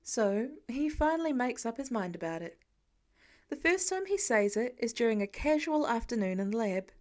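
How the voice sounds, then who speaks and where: In audiobook fashion, a woman with a fairly high voice reads a scripted work of fiction aloud. Her narration is animated and moves at a normal speed.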